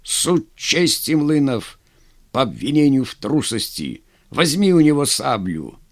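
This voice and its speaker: A man voicing a stern, contemptuous army general who speaks gruffly, in a commanding way. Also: medium pitch, big pitch swings, a little slow, no echo, studio quality. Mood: stern scorn.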